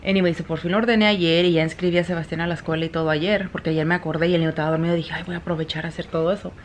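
A woman in her thirties with a Mexican accent talks casually to her camera at home, sliding between Spanish and English in the same breath. Her voice sits a little low for a woman. A faint hum of household sound runs behind her. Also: steady tone, very fast. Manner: chatty, mixing Spanish and English mid-sentence. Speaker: vlogger. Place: home indoors.

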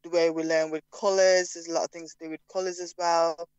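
A woman's voice: fairly low pitch, flat delivery, a little fast, a little mellow, clean tone, dry recording, poor audio. A woman from Jamaica with a Jamaican accent, chatting as a podcast guest with plenty of fillers. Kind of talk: casual interview.

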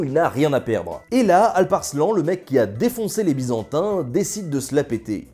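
A young man tells history with jokey, ironic asides and a very animated, bouncing pitch. His voice sits low and mellow, with soft music under it. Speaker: history video host. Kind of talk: casual scripted history narration.

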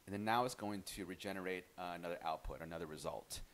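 A man hosting a casual software tutorial, chatty and relaxed, often restarting his sentences. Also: low-pitched, fast talker. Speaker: tutorial host.

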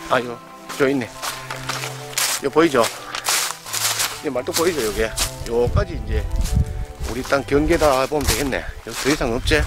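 Touring a rural farm property outdoors, a South Korean real estate host speaks in a broad Gyeongsang dialect, casually chatting and pointing things out to viewers in a folksy way. His medium-pitched voice moves at a normal speed with long pauses, over background music.

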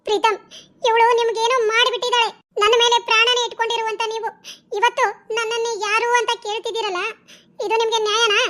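A woman's voice: very high voice, little pitch movement, quick pace, sharp tone. A woman voicing a jilted young woman in a cartoon drama, pleading and indignant. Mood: hurt. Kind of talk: cartoon dubbing.

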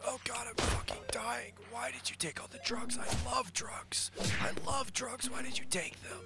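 A creaky, whispering dying skeleton fighter. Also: male voice, very high-pitched, moderate pace, loud music behind the voice, voice pushed up. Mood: anguished. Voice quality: breathy, creaky, strained whisper. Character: dying drug-loving skeleton fighter Grub. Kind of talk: comedic game roleplay.

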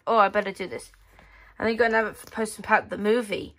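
Quick and fairly bright, the mid-range voice belongs to a woman hosting a magazine flip-through video indoors at a tabletop. She comments casually on each page, reads pieces aloud, and her sentences come out hesitant and rephrased.

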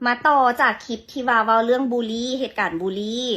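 A woman with a Lao accent telling a story in a blunt, animated, mocking way as a vlogger. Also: on the high side, fast. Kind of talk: casual storytelling rant.

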